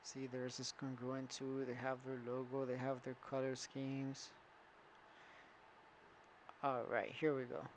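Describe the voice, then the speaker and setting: A man's voice: mid-range voice, monotone, a little slow, pauses often, slight background noise, rough recording. A man walking through an online store setup in a casual screen-recorded tutorial, thinking aloud with fillers and restarts. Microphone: computer setup with screen recorder and camera.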